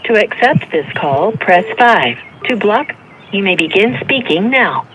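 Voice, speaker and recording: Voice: medium pitch, sing-song, unhurried, bright, forceful tone, slight background noise. A recorded automated voice reading system prompts on a prison phone line. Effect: automated prison phone announcement.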